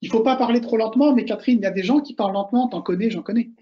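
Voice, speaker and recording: Fast-talking man coaching students. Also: sits high, lo-fi sound. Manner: animated, repeats key points, addresses listeners directly. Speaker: author and oral exam coach. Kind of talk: casual advice talk to students.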